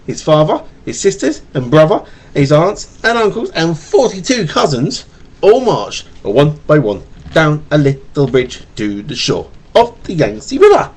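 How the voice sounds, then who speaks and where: A man with a slight stutter and a somewhat high voice reads a picture book to his young child, playful and animated, tossing in casual asides. It's recorded at home on a webcam mic.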